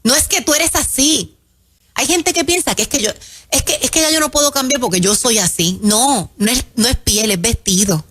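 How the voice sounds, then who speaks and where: A woman preaching in an emphatic sermon style on a radio show, calling her listeners her children and slowing down to stress key phrases. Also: fairly high pitch, lively intonation, slightly rough. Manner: warm, emphatic, addresses listeners as "mis hijos".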